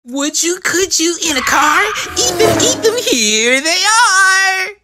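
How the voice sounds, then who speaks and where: A man's voice: very high voice, big pitch swings, takes it slowly, over loud music, voice pushed up, full character voice. A man voicing a small, eager storybook creature who coaxes and pesters insistently. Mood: coaxing. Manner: chirpy, insistent coaxing.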